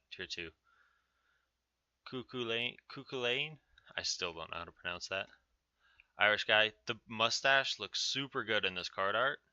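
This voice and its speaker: A man's voice: deep voice, bright, forceful tone, clear, resonant tone, no room sound. A man giving informal, offhand commentary on game patch notes as a video host. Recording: dull, narrow-band sound.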